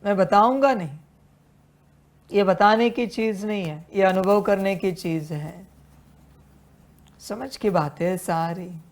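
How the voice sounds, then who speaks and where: A woman's voice: mid-range voice, takes it slowly, long pauses. A woman giving a devotional sermon as a spiritual teacher, admonishing her listeners as children with repeated refrains and rhetorical questions.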